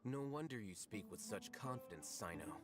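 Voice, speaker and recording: An actor voicing an aloof, sharp-witted male scholar in a video game, speaking in a measured, dry, unhurried way. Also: lowish voice, expressive, over loud music, lightly acted. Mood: cool.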